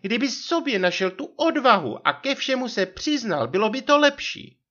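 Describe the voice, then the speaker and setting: A theatrical young wife scolds in a shrill, strained falsetto, as a male audiobook reader puts her on. She is loud and reproachful, swinging high and wide. The recording is a little dull and lo-fi. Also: very animated, heavily acted. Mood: indignant scolding.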